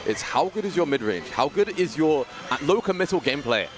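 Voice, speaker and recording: British male esports caster, playful and excitable, higher register. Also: a little fast. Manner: playful, jokey, excitable on big moments. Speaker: esports commentator. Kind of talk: live tournament commentary.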